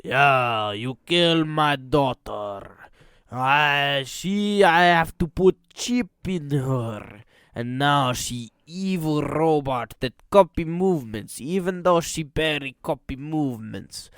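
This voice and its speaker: A man's voice: on the high side, expressive, takes it slowly, a bit bright, clean tone, no echo, studio quality, full character voice. A man hamming up a clumsy Russian villain. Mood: mocking. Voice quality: broken English, thick mock accent. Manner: mocking, exaggerated. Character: bumbling middle-aged Russian villain man.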